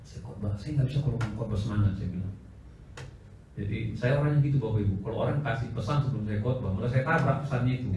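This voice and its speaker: A man preaching at a church seminar, telling stories loudly and acting out the voices of the people in them. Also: lowish voice, fast, far from the mic, slight background noise. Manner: animated, acts out voices of people in his stories; loud, forceful preaching. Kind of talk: storytelling sermon at a church seminar. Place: church hall. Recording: very echoey hall, voice from off-mic.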